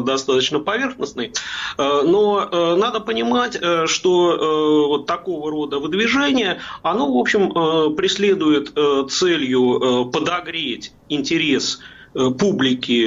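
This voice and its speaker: A man giving political commentary as a guest, pausing constantly with drawn-out hesitations between words. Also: medium pitch, fairly bright tone, muffled recording.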